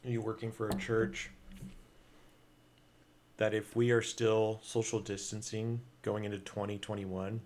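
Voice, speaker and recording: Low-voiced man chatting loosely. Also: level tone, measured pace, long pauses, a little mellow, slight background noise. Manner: rambling, eating while talking. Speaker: podcast co-host. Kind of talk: casual chat.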